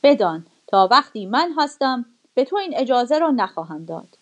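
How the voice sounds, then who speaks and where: A woman's voice: fairly high pitch, sing-song, lo-fi sound. A woman voicing a firm loyal sheepdog. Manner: firm and resolute. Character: loyal steadfast male sheepdog guardian.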